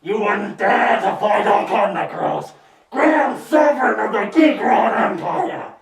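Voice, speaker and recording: Archon Necros, a man doing a high gravelly villain. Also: big pitch swings, slow, a loud crowd, exaggerated voice. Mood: taunting. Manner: shouting taunts and insults. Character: ranting male villain overlord, petty and boastful. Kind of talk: comedy sketch acting. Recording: echoey room from a distance over music.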